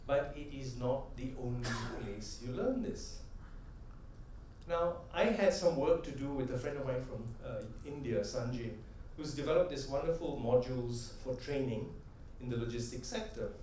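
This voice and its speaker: Here a middle-aged man speaks at a moderate pace in a medium-pitched, darkish voice, giving a conversational conference talk with plenty of anecdotes. He often ends points with "right?" and builds to rhythmic, emphatic punchlines. The large convention hall sounds echoey through a distant mic, with slight background noise.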